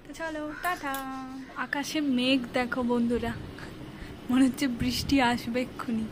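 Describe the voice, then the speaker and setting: A woman's voice: high-pitched, normal speed. A young woman, chatting straight to her viewers as she records a casual home vlog. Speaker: vlogger. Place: at home, indoors and outdoors. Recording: noisy home phone recording.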